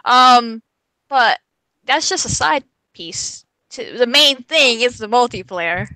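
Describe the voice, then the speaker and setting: A woman with a bright, sharp voice chimes in on a gaming podcast over a video call. She is blunt and opinionated and acts out little quotes. The sound is dry and close. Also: a little high, animated, takes it slowly, no echo, rough recording. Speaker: podcast co-host. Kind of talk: casual group chat over a call.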